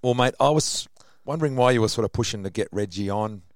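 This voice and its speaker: A man's voice: lowish voice, fast talker, no room sound, clean studio sound. An Australian man chatting casually about sport as a radio co-host.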